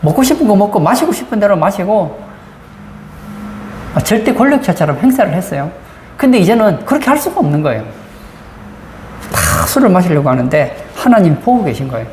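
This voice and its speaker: A woman's voice: medium pitch, sing-song, brisk, pauses often, a little mellow. A woman pastor preaching a sermon, asking the congregation frequent rhetorical questions. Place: church sanctuary. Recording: roomy church acoustics, faint background noise.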